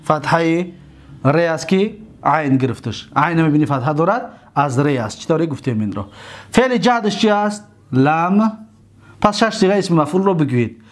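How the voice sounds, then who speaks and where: A man with a Tajik accent teaching grammar, drawing out and repeating each word form slowly for his students. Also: fairly high pitch, expressive. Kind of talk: grammar lecture.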